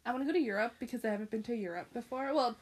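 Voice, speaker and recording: Young woman, relaxed chatty vlog delivery, constantly laughing. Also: fairly high pitch, rapid-fire, breathy edge. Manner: giggly, laughs often. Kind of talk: casual chat.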